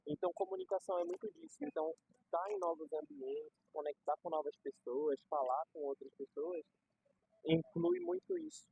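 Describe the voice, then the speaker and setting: Casual talk from a young Brazilian Portuguese-accented man who leans on slang and everyday examples to explain ideas. The voice is very high-pitched yet gravelly and mellow, swooping wildly in pitch at a normal speed, captured on a dull lo-fi recording.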